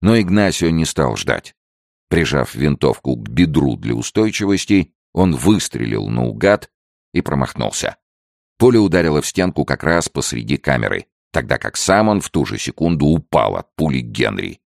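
A man reading an adventure story aloud in measured, expressive scripted narration. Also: extremely low pitch, vocal fry, no echo, clean studio sound. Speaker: audiobook narrator.

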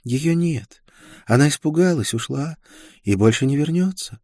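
A man's voice: on the high side, animated, moderate pace, darkish tone, dry recording, studio quality, pitched above the performer's own voice. A man doing a raised, exalted young fanatic woman. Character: young female religious fanatic, exalted and deluded. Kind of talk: audiobook character voice.

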